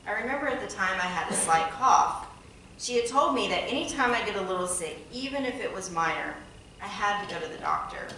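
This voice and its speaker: A woman's voice: mid-range voice, animated, fairly quick, sharp tone, a little hiss or hum. A woman speaker at a patient support event, reading her prepared personal story in an earnest, candid way with wry asides. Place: event hall. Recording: very echoey hall, mic far off.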